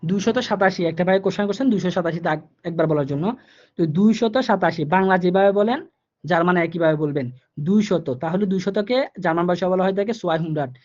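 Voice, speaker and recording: A man teaching German numbers in a live online class, explaining each step slowly, repeating himself and asking the students questions. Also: sits high, a little mellow. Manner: repetitive, patient, asks the students questions. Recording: dull lo-fi online class audio.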